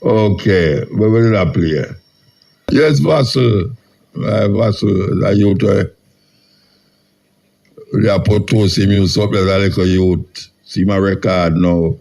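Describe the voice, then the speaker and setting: A Jamaican radio host with a low and very mellow male voice. He banters in Rasta-style Patois, bluntly challenging with short questions. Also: slow, vocal fry, pauses often.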